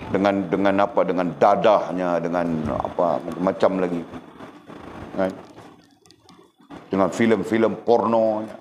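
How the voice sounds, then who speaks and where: Low-voiced man. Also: fairly even intonation, a little slow, pauses often, darkish tone, slight background noise. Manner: conversational, teasing questions to the audience. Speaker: religious teacher. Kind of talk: religious lecture.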